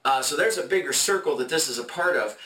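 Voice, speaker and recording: A man co-hosting a podcast, leading a conversational Bible study in a halting, explanatory way with many fillers and restarts. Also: a little high, expressive, pushed and bright. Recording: echoey room, mic at a distance.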